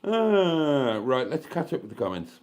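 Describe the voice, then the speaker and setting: Hosting a livestream, a man in his fifties reads viewer comments in a casual, candid, profane style, drifting off on tangents. He talks on the high side with a sing-song, darkish tone at a measured pace.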